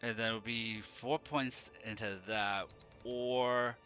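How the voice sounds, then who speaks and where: Bright, forceful man streaming a video game. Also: mid-range voice, steady tone, takes it slowly, faint music behind. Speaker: livestream gamer host. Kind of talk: gaming commentary, thinking aloud.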